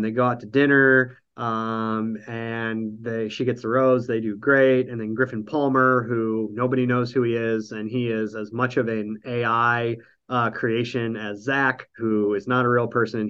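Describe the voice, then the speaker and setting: A nasal-voiced man hosts a laid-back podcast over an online call, rambling through a reality show recap full of ums and dry jokes. His mid-range voice is smooth and slightly bright, with lo-fi audio quality.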